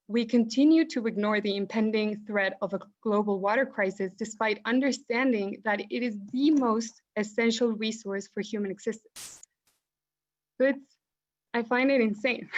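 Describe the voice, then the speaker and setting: A young woman from Mexico closing a talk as a guest speaker, earnest and urgent. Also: a little high. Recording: dull lo-fi call audio.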